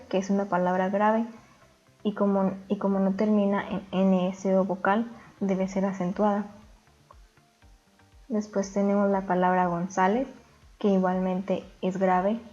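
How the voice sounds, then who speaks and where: Woman teacher going thru a lesson step by step, calm, kinda dull sound, faint music behind. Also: medium pitch. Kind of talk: recorded grammar lesson.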